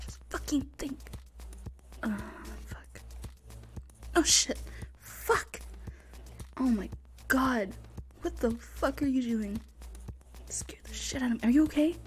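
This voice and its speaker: A young woman voicing a panicked sorority sister hiding from a killer, talking in hushed, frantic whispers and swearing often. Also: a little high, close to an everyday voice. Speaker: voice actor in an audio roleplay. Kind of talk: one-sided audio roleplay.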